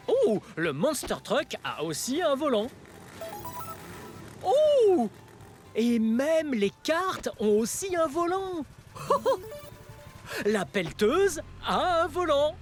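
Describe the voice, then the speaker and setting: Over background music, a playful adult hosting a children's show speaks at medium pitch, very slowly, with hugely animated intonation. Excitable, wide-eyed and cheerful, the presenter explains things simply for young children, exclaiming with exaggerated wonder and giggling and gasping often.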